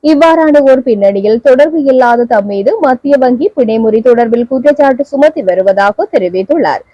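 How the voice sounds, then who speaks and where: A woman with a Sri Lankan Tamil accent reads the evening news in a steady, formal manner. Her voice is high yet mellow in tone. The recording is close and dry. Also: dry recording, muffled recording. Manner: steady, measured, formal delivery. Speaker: newsreader.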